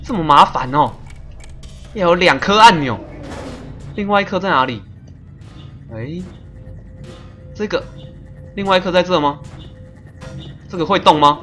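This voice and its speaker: A man streaming a puzzle game live, chatty and excitable, laughing often and making little sound-effect noises as he plays. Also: high-pitched, a little slow, pauses often, faint music behind. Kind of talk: live gameplay commentary.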